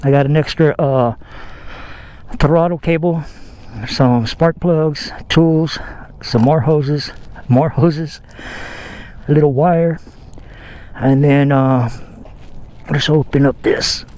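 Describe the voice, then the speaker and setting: A man's voice: on the high side, steady tone, slow pace, long pauses, darkish tone. A man casually vlogging about his scooter outdoors, rambling in a folksy way with fillers and self-corrections. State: out of breath. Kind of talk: casual vlog talk.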